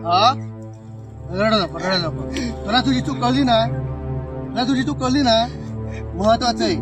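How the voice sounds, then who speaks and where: A man playing a gentle farmer father. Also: extremely high pitch, moderate pace. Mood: soothing. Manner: soothing, repeats himself. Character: gentle farmer father comforting his weeping son. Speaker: actor. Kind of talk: short film acting. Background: film music.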